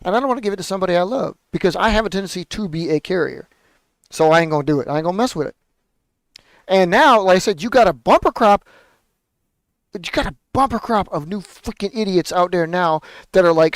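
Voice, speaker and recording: Clear-voiced ranting man. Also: high voice, expressive, fairly quick, no room sound. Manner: rambling, profane, exasperated ranting. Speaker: podcast host building paper planes. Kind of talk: casual ranting chat.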